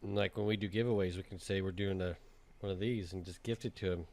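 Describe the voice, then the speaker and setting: A man's voice: low voice, fairly even intonation, darkish tone, a little hiss or hum. A man hosting a casual gaming podcast, reading out news and moving the show along. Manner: brisk, reads news items, steers the show. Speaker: podcast host.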